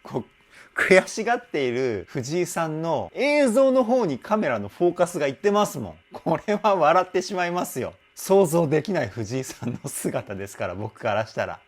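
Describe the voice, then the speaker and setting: A man working as a vocal coach, explaining a singer's technique in an animated, enthusiastic way. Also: a little high, moderate pace. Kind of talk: song reaction and vocal analysis. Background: faint music from the song being analyzed.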